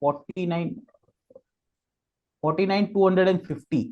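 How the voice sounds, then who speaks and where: Here the trading guest expert speaks in a high voice at a moderate pace, his intonation fairly even. He walks through the charts step by step in Hindi mixed with English, with many "okay" check-ins, and the audio has its highs cut off.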